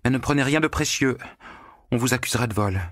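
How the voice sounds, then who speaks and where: A man voicing an exultant young woman newly turned witch, crying out loudly with a hoarse edge. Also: mid-range voice, fast, no room sound, studio quality, pitched above the performer's own voice, natural voice. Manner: loud and hoarse cries.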